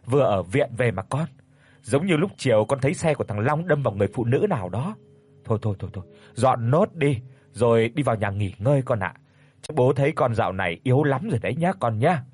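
A man doing a gruff old rural father. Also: medium pitch, expressive, a little mellow. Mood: scolding worried. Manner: scolding, fast, rustic. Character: gruff worried old father scolding his daughter.

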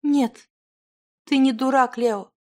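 A woman's voice: sits high, steady tone, takes it slowly, a little mellow, voice pushed up. A woman voicing a timid, earnest young woman in love who talks shyly and pleads. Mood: tender.

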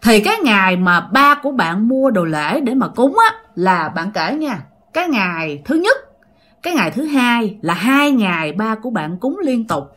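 A woman's voice: on the high side, big pitch swings, moderate pace, fairly bright tone. A woman telling a ghost story in a chatty way, often speaking straight to her listeners. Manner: chatty, addresses listeners directly. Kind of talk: casual ghost story narration.

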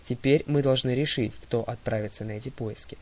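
A man voicing a wise old male centaur teacher who speaks in a measured, polite way. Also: medium pitch, steady tone, natural voice.

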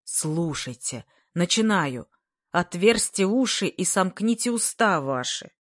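A woman voicing an excitable, skinny schoolboy who makes a speech in a loud, ringing, eager voice. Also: fairly low pitch, slow pace, dry recording, studio quality. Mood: eager, shouting. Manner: shouting, eager and insistent.

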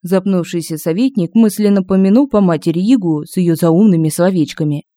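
A woman narrating a humorous fantasy audiobook in an expressive, lively storytelling manner, recorded on a close home-studio mic. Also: on the low side, brisk, dry recording.

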